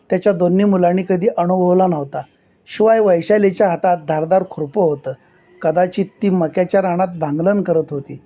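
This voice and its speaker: A male story reader narrates a literary short story in a measured, expressive way. His voice sits high for a man, with a mellow, soft-edged tone.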